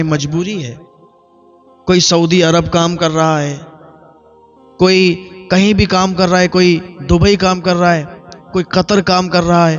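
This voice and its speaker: A man preacher delivering an emotional sermon, telling a story with lots of repetition. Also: fairly high pitch. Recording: dull lo-fi with faint music.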